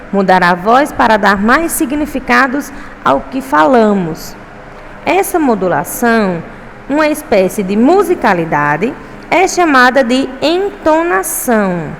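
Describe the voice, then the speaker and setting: A woman teacher with a Brazilian Portuguese accent, giving a recorded lesson to pupils, patient and often checking in with them. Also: on the high side. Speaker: primary school teacher. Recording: echoey room with faint traffic noise.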